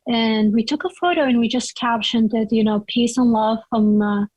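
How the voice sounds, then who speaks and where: A woman's voice: fairly high pitch, steady tone, moderate pace, darkish tone, dry recording, rough recording. A young woman from Iraq, chatting as an interview guest and telling her story loosely, with lots of "like" and "you know.".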